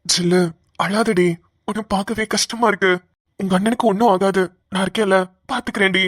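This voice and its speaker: A woman voicing a kind young man who gently comforts his family in a cartoon. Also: medium pitch, steady tone, a little fast, dry recording, clean studio sound, close to an everyday voice. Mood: tender.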